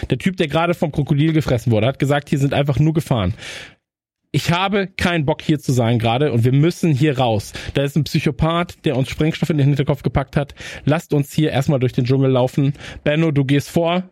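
A man's voice: on the high side, darkish tone, dry recording, studio quality. A man playing a tabletop role-play game, directing the others in a bossy, take-charge way. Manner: bossy, leading the group. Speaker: player.

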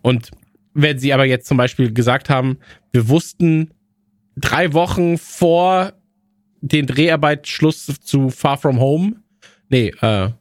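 A man in casual podcast talk, rambling through his thoughts with plenty of restarts. His voice sits mid-pitched and the sound is dry and close. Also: takes it slowly, no echo. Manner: rambling, many fillers and restarts. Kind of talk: casual chat.

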